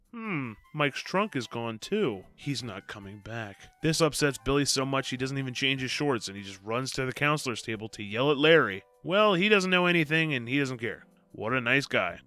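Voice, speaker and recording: A man's voice: mid-range voice, pushed and bright, dry recording. A man narrating a book summary in a scripted, wry and jokey storytelling manner. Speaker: video host summarizing books. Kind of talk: scripted narration with sarcastic asides.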